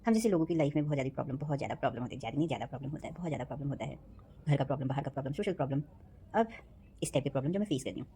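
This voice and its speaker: A woman's voice: extremely low pitch, lively intonation, rapid-fire, dark tone, a little hiss or hum. A woman venting in a rambling casual monologue, repeating herself and correcting her words as she goes. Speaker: vlogger.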